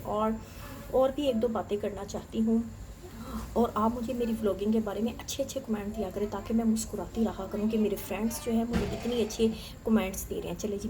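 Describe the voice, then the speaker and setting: A woman, chatting casually to viewers in a home vlog, politely addressing them as she cooks. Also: medium pitch. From Pakistan. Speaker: family vlogger and mother. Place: home kitchen and bedroom, indoors. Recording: household background noise.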